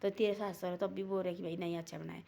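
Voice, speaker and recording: Racing along, a woman with a creaky, dark, low-side voice keeps her tone level. She's telling a family folk story in a loose, repetitive way and voicing the dialogue herself.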